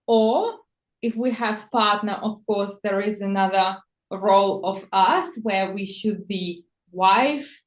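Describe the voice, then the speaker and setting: A woman from the Czech Republic, a native Czech speaker, talking slowly as a personal stylist in an interview, searching for words in English. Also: mid-range voice. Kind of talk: conversational interview. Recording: echoey room.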